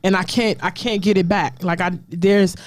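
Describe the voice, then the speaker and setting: A woman co-hosting a casual talk show, speaking earnestly and bluntly in halting, restarting phrases. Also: on the low side, steady tone. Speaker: co-host. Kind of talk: casual podcast chat.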